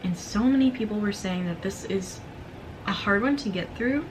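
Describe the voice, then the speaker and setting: A woman chats casually in a mid-pitched voice with vocal fry and a slightly strained throat. She is excitable and gushing, in the manner of a book vlogger. There is clear background noise behind her. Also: moderate pace. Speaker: book vlogger presenting a thrifted book haul. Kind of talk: casual chatty book haul.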